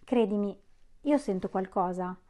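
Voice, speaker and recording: A woman's voice: medium pitch, a little slow, warm tone, natural voice. A woman reading an earnest pleading girl. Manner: pleading, urgent. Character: earnest young girl with a mystic stone.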